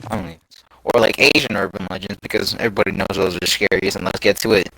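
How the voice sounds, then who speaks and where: A man with a low, gravelly voice trades crude jokes while gaming, then reads a creepy urban legend aloud in a mock-dramatic way. His voice sits close and dry, with no room sound around it. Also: fairly even intonation, fast talker, bright, forceful tone, dry recording, low-quality recording. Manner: crude joking, reads a horror story aloud. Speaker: gamer reading urban legends. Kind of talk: casual gameplay chat and story reading.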